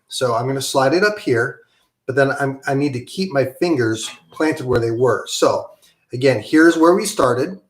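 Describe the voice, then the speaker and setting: A man's voice: mid-range voice, fairly bright tone, echoey room. A man teaching an online guitar lesson in a casual, encouraging way, with many ums and okays. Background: guitar playing.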